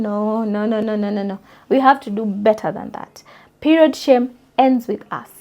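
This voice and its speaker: A woman's voice: high voice, darkish tone. A young adult woman hosting a podcast, speaking emphatically and directly to her listeners in a forthright solo monologue. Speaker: podcast host.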